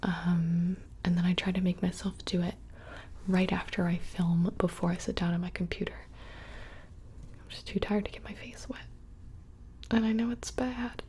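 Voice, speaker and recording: A woman's voice: fairly low pitch, steady tone, normal speed, pauses often, darkish tone, slight background noise. A young woman whispering casually and close to the microphone, rambling through questions in an ASMR video. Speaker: ASMR creator. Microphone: close studio microphone.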